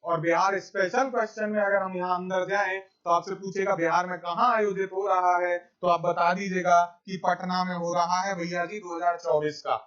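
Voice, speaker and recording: A man's voice: sits high, steady tone, moderate pace, hardly any pauses, a bit bright, highs cut off. A man giving a current affairs exam lecture over slides, repeating key facts and calling his viewers friends. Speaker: exam coaching teacher.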